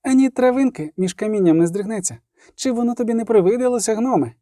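A man voicing a sharp, wary young woman archer in an audiobook, speaking curtly. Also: high-pitched, fast, dry recording, studio quality, voice pushed up, natural voice. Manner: curt, hissing.

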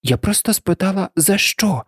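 A woman's voice: medium pitch, expressive, normal speed, breathy edge, no room sound, clean studio sound, voice pushed up. A woman voicing a bold, plain-spoken young girl with a frank, direct way of talking in an audiobook. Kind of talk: audiobook character voice.

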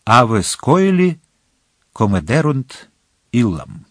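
A pedantic, insistent Jesuit priest, as a man reads him. He lectures in a lively, rising and falling voice. It is recorded dry and close, an audiobook with no room sound. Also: mid-range voice, slow pace, dry recording, full character voice. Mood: stern lecturing.

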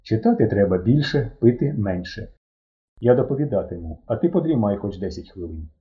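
A man voicing a grown-up guitarist in a read-aloud story, who speaks calmly in a dry, lecturing way. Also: on the low side, fairly quick, natural voice. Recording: muffled lo-fi recording.

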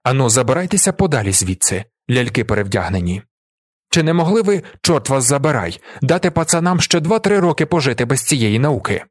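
A man voicing a gruff former front-line soldier who grumbles with sarcasm. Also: mid-range voice, sing-song, fairly quick, no echo, clean studio sound. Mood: angry.

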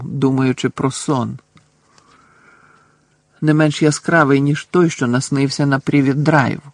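Male audiobook narrator, steady storytelling, gravelly, dry close sound. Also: medium pitch, no room sound. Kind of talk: scripted narration.

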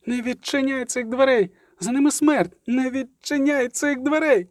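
A man's voice: very high-pitched, moderate pace, no echo, studio quality, pitched above the performer's own voice. A man doing a desperate young girl crying out. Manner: urgent, shouting.

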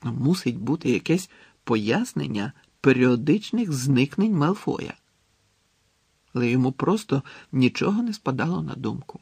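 A man narrating a storybook in a measured, expressive reading. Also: mid-range voice, vocal fry, slightly rough, dry recording. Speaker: audiobook narrator.

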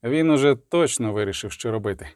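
A man's voice: mid-range voice, expressive, brisk, a little mellow, no room sound, clean studio sound. A man narrating a fantasy audiobook with a vivid, dramatic reading.

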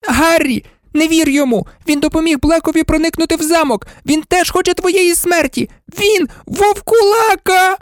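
A man's voice: very high voice, expressive, slow pace, no room sound, studio quality, pitched above the performer's own voice, heavily acted. A man voicing a frantic teenage schoolgirl who shrieks her accusations. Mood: shrieking.

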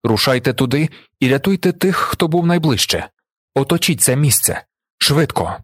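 A man voicing a blinded young male emperor who speaks in a steady, measured, commanding way with a husky voice. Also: medium pitch, dry recording, clean studio sound.

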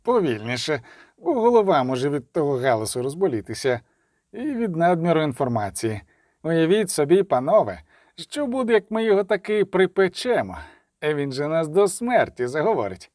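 A man voicing a cold, sardonic middle-aged male coroner who speaks in a measured, menacing way. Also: a little high, big pitch swings, a little mellow, dry recording, clean studio sound.

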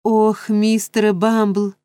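A woman's voice: mid-range voice, expressive, slow pace, mellow, no echo, clean studio sound. Woman playing a breathless swooning matron. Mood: distressed. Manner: breathless, moaning. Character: melodramatic middle-aged workhouse matron, swooning.

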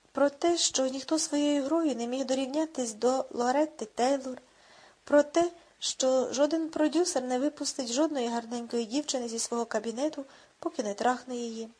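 Husky woman narrator with a slightly high voice, reading at a measured pace for an audiobook. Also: darkish tone.

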